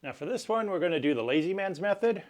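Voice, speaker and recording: A man hosting a cocktail tutorial, explaining each step in a measured, instructional way. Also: high voice, animated, heavy background noise. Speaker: cocktail channel host. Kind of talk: cocktail recipe tutorial presentation.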